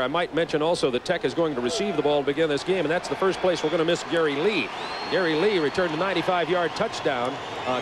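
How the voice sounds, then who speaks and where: An American man calls a football game live in a high voice. He works as the play-by-play announcer, and the outdoor broadcast carries clear stadium noise behind him.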